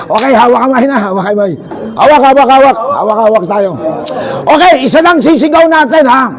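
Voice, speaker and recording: Man, very high voice, energetic seminar speaker, joking, leads shouted chants, faint crowd behind. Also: brisk. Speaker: seminar speaker for overseas workers. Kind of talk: lively seminar talk leading group chants.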